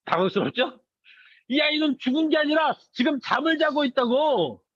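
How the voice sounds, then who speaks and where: A children's pastor, a man with a very high voice, retells a story and often stops to ask the children questions. The sound is dry and close, and a little dull and lo-fi. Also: lively intonation, normal speed, a bit bright, no room sound.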